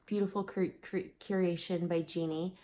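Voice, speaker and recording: A slightly hoarse woman vlogger chatting casually and upbeat through a beauty product review. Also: on the low side, fairly even intonation, normal speed, warm tone. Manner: chatty, upbeat, laughs often.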